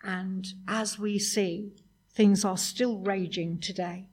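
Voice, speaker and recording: A woman's voice: medium pitch, steady tone, takes it slowly, a little mellow, breathy edge. A woman preaching a sermon in a conversational way, full of rhetorical questions.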